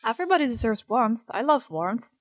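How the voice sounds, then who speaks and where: A woman runs a tabletop role-playing game in a fairly high voice with a dry sound. Her narration is casual, improvised and playful. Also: sing-song, fairly quick, no room sound. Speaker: game master.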